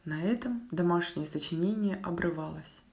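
A woman reading a story aloud, soft and often dropping to a whisper. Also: lowish voice, moderate pace. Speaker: narrator.

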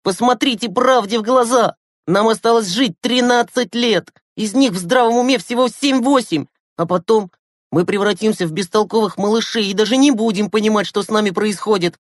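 A man reading an audiobook, voicing a gloomy, cynical teenage boy who speaks in a sharp, bitter way. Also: high voice, moderate pace, no echo, studio quality, voice pushed up, lightly acted. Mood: angry.

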